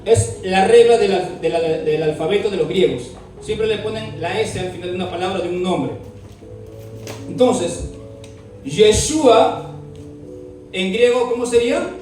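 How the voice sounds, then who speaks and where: A man's voice: sits high, unhurried, long pauses, a little mellow. A man teaching a Bible class, asking his students questions and spelling words out letter by letter. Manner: asks the class questions often. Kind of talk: classroom lesson with dictation. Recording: very echoey room, mic far off, faint music.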